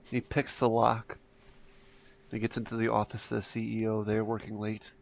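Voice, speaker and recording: A man's voice: on the low side, monotone, normal speed, gravelly. A man hosting a podcast in casual chat, a jokey storyteller who laughs often. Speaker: podcast host and editor.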